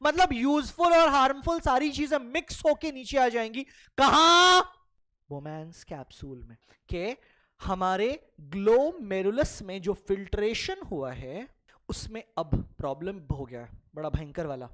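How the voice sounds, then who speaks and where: A teacher lecturing a class who fires off quick questions and answers them straight away. Words get repeated for emphasis, and the students are called children. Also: medium pitch, sing-song, sharp tone. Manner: mixes Hindi and English freely. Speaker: biology teacher.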